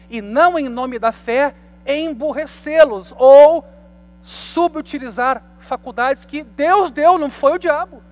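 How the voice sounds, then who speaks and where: High-voiced man preaching a Bible study. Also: a little hiss or hum. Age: 30s. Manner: conversational, asks the congregation rhetorical questions. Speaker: pastor.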